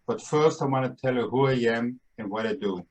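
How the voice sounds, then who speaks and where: A man in his seventies, from Austria and Brooklyn, New York, hosts a casual podcast monologue with a Brooklyn accent. He sounds playful, emphatic and upbeat, with a mid-range voice at a fairly quick pace. The recording is rough.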